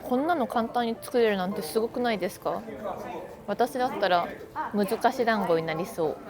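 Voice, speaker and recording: A woman chatting casually through a travel vlog, playful and quick with self-deprecating jokes while she walks around sightseeing. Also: mid-range voice, crowd noise. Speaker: travel vlogger. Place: out and about sightseeing in a city. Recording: background music under voice.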